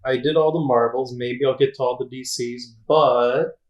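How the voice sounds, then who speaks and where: A man's voice: medium pitch, fairly even intonation, moderate pace, muffled recording. A man co-hosting a casual game podcast, joking and full of fillers. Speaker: podcast co-host. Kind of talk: casual chat. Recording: echoey room.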